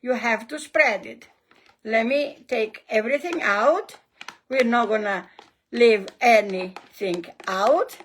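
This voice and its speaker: A woman's voice: a little high, takes it slowly. A woman with a Greek accent leading a hands-on recipe demonstration as a cooking host, encouraging and emphatic, often repeating her phrases.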